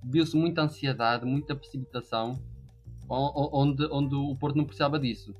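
A man's voice: mid-range voice, steady tone, fairly quick, soft background music. A man giving casual football analysis as a panellist, emphatic and often repeating his phrases.

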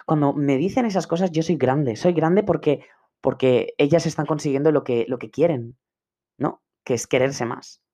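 A young man talks to his podcast listeners as a personal development coach. He is earnest and emphatic, and he drives his points home by saying them again and again. His speech is relaxed and unscripted, with frequent restarts and little fillers. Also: a little high, normal speed. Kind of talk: podcast monologue.

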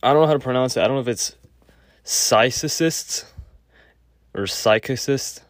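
A man giving a casual spoken lecture with a clogged nose, halting often with fillers and restarts. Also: mid-range voice, no echo, studio quality. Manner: halting, many fillers and self-corrections. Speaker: podcast host.

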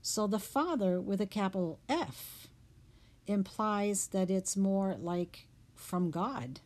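A woman hosting a reflective talk on the meaning of words, speaking in an unhurried, thoughtful way with fillers. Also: medium pitch, animated, a little mellow.

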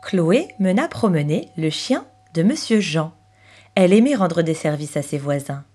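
A woman in her thirties with a gentle, expressive manner, narrating a children's story as the host. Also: lowish voice, normal speed, slightly rough.

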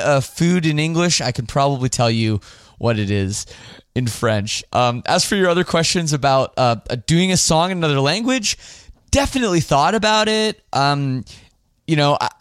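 Going through listener questions on his podcast, a Canadian man talks in a loose, relaxed ramble full of fillers, restarts and backtracking. The recording is dry and close-miked with no echo, capturing a smooth, resonant, mid-range voice.

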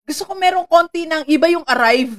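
A Filipino woman hosting a live-streamed motivational talk, chatty and animated, laughing often and greeting viewers by name. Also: very high-pitched, a little fast. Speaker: motivational host.

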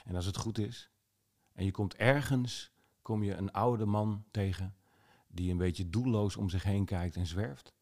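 A man's voice: lowish voice, measured pace, darkish tone. A man telling a fairy tale aloud, unscripted, sometimes correcting himself mid-sentence. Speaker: storyteller. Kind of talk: oral fairy tale narration.

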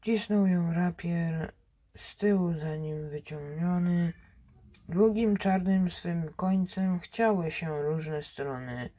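A reader reciting epic poetry aloud in a slow, careful way, often restarting words. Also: medium pitch, mellow.

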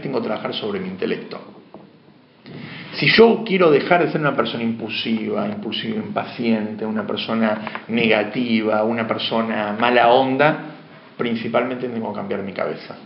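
A man's voice: medium pitch, a little hiss or hum. A male teacher giving a classroom lecture, often asking questions and answering them himself. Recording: muffled echoey classroom.

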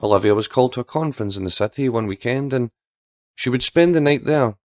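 A man narrating a story aloud in a steady storytelling style and doing voices for the characters. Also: mid-range voice, fast, no room sound, dull audio.

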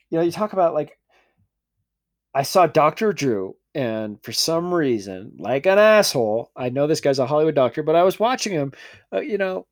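Animated ranting man, lively pitch. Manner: animated, ranting, swears freely. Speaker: podcast co-host. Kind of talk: casual profane chat.

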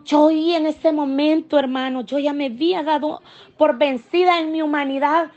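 A woman's voice: sits high, fairly even intonation, normal speed, a little mellow, dull audio. A woman giving an emotional church testimony, earnestly addressing the congregation as brothers and sisters.

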